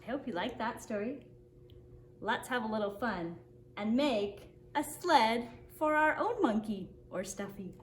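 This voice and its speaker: Reading a picture book to small children, a high-voiced woman sounds animated, expressive and deliberate, taking her time the way a kindergarten teacher does at story time. The space is roomy and echoing, with faint noise behind her.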